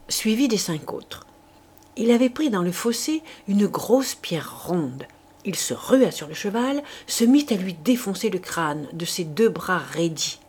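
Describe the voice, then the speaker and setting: A woman reading a classic novel aloud as an audiobook, measured and deliberate. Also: lowish voice, a little mellow, breathy edge. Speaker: audiobook reader. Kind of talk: literary audiobook narration.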